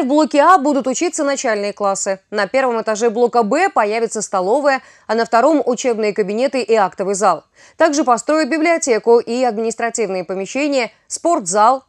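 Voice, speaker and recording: A woman anchoring a local news bulletin in a measured, scripted newsreader delivery. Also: a little high.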